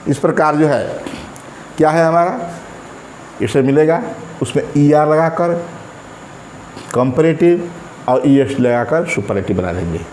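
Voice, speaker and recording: A male English teacher explains a grammar lesson in Hindi, speaking slowly and deliberately, drawing out and repeating words as he writes on a board. His voice is on the high side, expressive and darkish, recorded in an echoey room with faint background noise.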